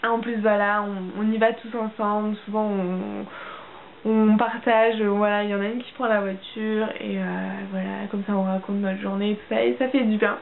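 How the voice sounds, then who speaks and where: Young woman from France, casual vlog chat, halting delivery full of fillers, thin phone-like sound with faint hiss. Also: medium pitch, little pitch movement, vocal fry. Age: young adult. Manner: hesitant, many fillers and restarts. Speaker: au pair vlogger.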